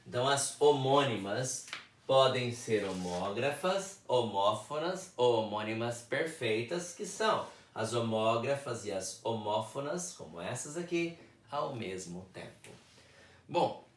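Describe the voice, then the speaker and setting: A male teacher with a Brazilian Portuguese accent explains a lesson at a very slow, deliberate pace, repeating key words for emphasis. His voice sits at a middle pitch. It is recorded from a distance in an echoey room. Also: fairly bright tone. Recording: echoey room, speaker far from mic.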